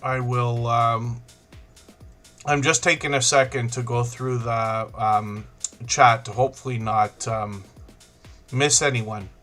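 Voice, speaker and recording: A middle-aged man hosts a live stream in a casual, rambling way, greeting viewers one by one. His voice is bright and forward. Soft music plays faintly behind him. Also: medium pitch, steady tone, slow pace. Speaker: livestream host.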